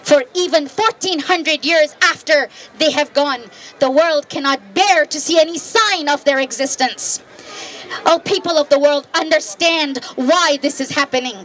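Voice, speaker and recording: A woman's voice: high-pitched, a bit bright, rough recording. A woman giving an impassioned, rousing speech to a demonstration outdoors, her voice breaking with emotion at times. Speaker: protest speaker.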